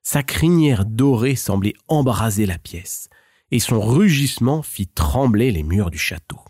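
Male fairy-tale narrator, unhurried with lively pitch, dry close sound. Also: husky, no echo. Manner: measured, expressive. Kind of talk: storybook narration.

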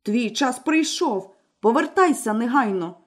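A woman's voice: high voice, lively intonation, moderate pace, a little mellow. A woman voicing a cruel, domineering husband who barks threats at his wife in a fairy tale. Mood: menacing. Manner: threatening, barking commands. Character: menacing wealthy husband, cruel, domineering man. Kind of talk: storybook character voice.

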